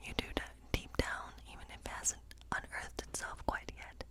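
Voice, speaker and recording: Gentle and unhurried, a woman reads tarot in a breathy, unvoiced whisper as part of an ASMR fantasy role play. Her explanations come in brief phrases with pauses in between.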